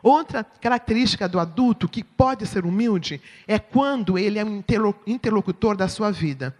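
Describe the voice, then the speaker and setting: A woman's voice: medium pitch, normal speed. A woman with a Brazilian Portuguese accent giving a sermon-style teaching talk at church, often checking in with her listeners. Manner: expressive, asks the audience "right?". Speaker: church speaker. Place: church hall. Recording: long reverb in a hall.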